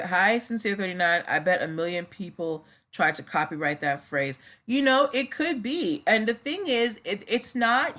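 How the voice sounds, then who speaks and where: A low-pitched but fairly bright-toned woman livestreams in a subdued, slightly slowed way, as she's on painkillers recovering from surgery. She chats casually and addresses viewers directly while discussing trademarks.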